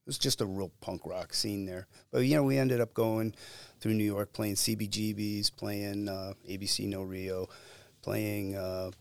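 A middle-aged man telling stories casually in an interview, lively and acting out the lines he quotes. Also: lowish voice, a little slow, creaky, dry recording. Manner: animated, acts out quotes. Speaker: musician guest.

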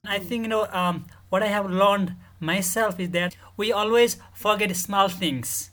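A man from Nepal, a guest in a podcast interview who explains his work in an earnest, measured way. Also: sits high, steady tone, a bit bright. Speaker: guest, mental health director.

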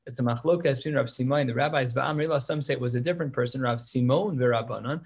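A husky-voiced Talmud teacher with a mid-range pitch talks fast through his class. He reads passages aloud in Hebrew and Aramaic, then explains them in casual, plain English.

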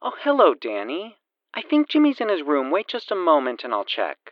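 A man voicing a kindly middle-aged mother with a sing-song, high voice. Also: huge pitch swings, moderate pace, no echo, muffled recording. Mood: friendly.

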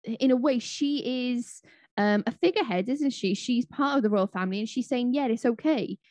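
A woman's voice: fairly high pitch, normal speed, darkish tone, no echo. A woman co-hosting a casual chat podcast, opinionated and cynical, often restarting her sentences. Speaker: podcast co-host.

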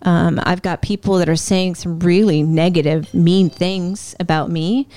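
A woman guest telling her own life story in a candid, conversational way, often with "um" and "like", acting out her past thoughts in a higher voice. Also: fairly even intonation, a little slow, dark tone, dry recording. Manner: frequent "um" and "like", self-interrupting. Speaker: interview guest.

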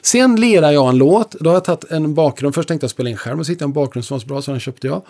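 A man working as a lecturer and musician, telling stories in a relaxed conversation with lively delivery. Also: on the high side. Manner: lively, animated storyteller. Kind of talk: conversational storytelling.

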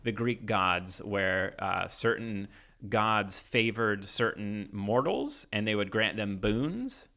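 Bright-voiced laid-back man in his thirties. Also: fairly low pitch, animated, slow pace, gravelly. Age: 30s. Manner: laid-back, musing, laughs easily. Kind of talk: casual chat.

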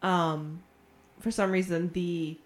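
A woman's voice: on the low side, level tone, slow pace. A young woman co-hosting a podcast, chatting casually about movies in a rambling way, swearing and losing her thread. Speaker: podcast co-host.

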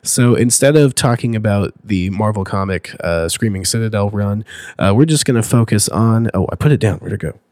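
A man co-hosting a casual podcast, hoarse with his voice nearly gone, talking in a hesitant, self-deprecating way. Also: on the low side, fairly quick, darkish tone, no room sound. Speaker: podcast co-host.

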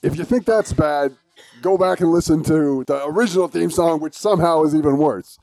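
A man hosting a podcast in casual chat, speaking a little haltingly. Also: a little high, vocal fry, a little mellow, no room sound, faint music behind. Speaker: podcast host.

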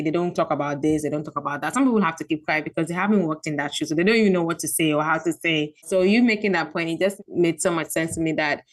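Low-voiced woman. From Ghana. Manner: earnest, reflective, laughs softly. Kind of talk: casual chat.

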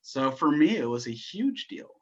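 A man being interviewed as a guest, telling his story in an animated, casual way with frequent laughs. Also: on the high side, a little slow, lo-fi sound. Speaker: guest, educator.

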